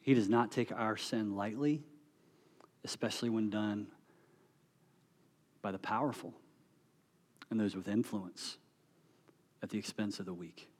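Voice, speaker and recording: A man's voice: on the low side, measured pace, long pauses, husky. Man preaching an earnest sermon. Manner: earnest preaching, rising to emphatic peaks then dropping soft. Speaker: pastor.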